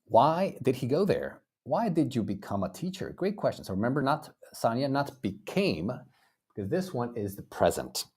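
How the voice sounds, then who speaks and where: A man's voice: mid-range voice, big pitch swings, normal speed, darkish tone, slightly rough. A man in his thirties teaching a live online English lesson. He keeps praising his students and drills phrases by repeating them. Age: 30s. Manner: encouraging, praises students often.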